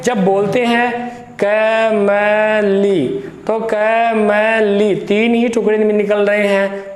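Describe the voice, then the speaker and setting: A man with a very high voice teaches a grammar lesson to exam students. He goes slowly, says each example word several times and questions his students as he builds the point. The sound is echoey, with the room ringing around him. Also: a little mellow. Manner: slow, repeats words aloud to show how they sound; explains step by step and asks the students questions.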